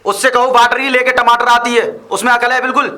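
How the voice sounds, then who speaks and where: Defiant, arrogant young son, played by a man, very high and bright. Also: flat delivery, brisk. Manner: complaining, defiant. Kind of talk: amateur web drama acting.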